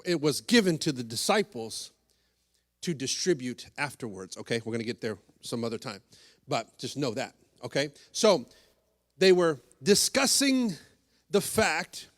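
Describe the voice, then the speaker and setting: A man preaching a sermon with a fairly high, very lively voice. He acts out little scenes in different voices and keeps checking in with his listeners. His voice rings out through a church hall with a long reverb. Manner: animated, acts out voices of the disciples, many asides and "right?". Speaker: pastor. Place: church sanctuary.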